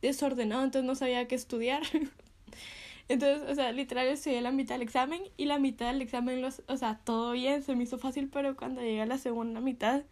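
A woman's voice: high-pitched, fairly even intonation, a little fast, darkish tone. A young woman sharing a casual devotional talk, chatty and full of fillers, often laughing between phrases.

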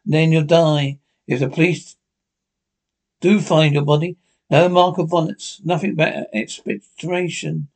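A man's voice: on the high side, level tone, a little slow. A man playing a murderous old man in a horror radio play, with a menacing, theatrical delivery. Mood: gloating, menacing. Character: gloating murderous old man, panicking when trapped.

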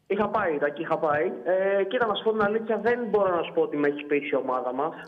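Male phone-in caller, polite and measured, a bit high-pitched, muffled line. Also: animated, echoey room. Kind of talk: phone-in chat with a host. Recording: dull phone-line sound.

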